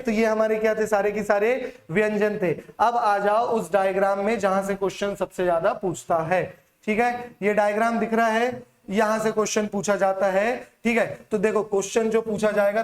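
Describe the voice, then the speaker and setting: Man teaching Hindi in an echoey room. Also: high-pitched. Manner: repetitive question-and-answer drilling, asks and answers himself. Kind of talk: exam-prep classroom lecture.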